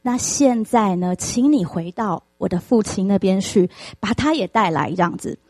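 A woman's voice: medium pitch, expressive, normal speed, a little mellow, dry recording. A woman voicing an earnest young man who pleads with his goat and writes to his father. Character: eager young man, a devoted son.

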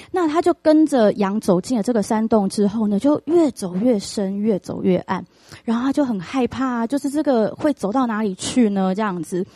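A woman preacher giving a sermon, telling a story in an animated way with many fillers. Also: medium pitch, dry recording.

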